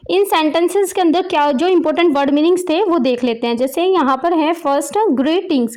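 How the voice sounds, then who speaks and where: A woman with an Indian accent teaching a children's English lesson. She reads the English lines very slowly, then explains each word in simple terms. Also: sits high, darkish tone.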